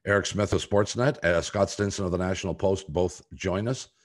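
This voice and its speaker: Speaking in a low voice from his home on a video call, an older sports podcast host shares strong opinions. His delivery is slow and measured, halting, and punctuated by pointed pauses.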